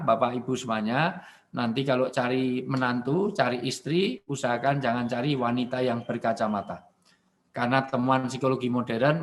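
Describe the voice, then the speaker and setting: A man from Indonesia giving a humorous virtual sermon from his home, animated and joking, often addressing his listeners directly. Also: medium pitch, a little hiss or hum. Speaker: preacher.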